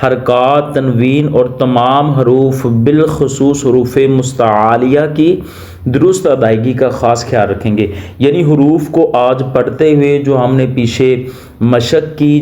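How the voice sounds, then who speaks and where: A male Quran reading teacher with a mid-range voice. He spells out each syllable slowly and then breaks into quick explanations. His voice rings with the echo of a bare room. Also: mid-range voice, dark tone. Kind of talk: step-by-step recitation lesson.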